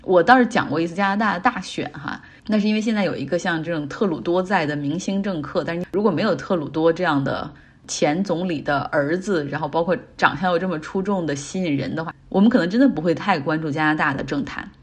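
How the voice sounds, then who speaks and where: Chatty middle-aged woman host, kinda husky, lowish voice, mixes in english words. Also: fast talker. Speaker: podcast host. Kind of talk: casual commentary.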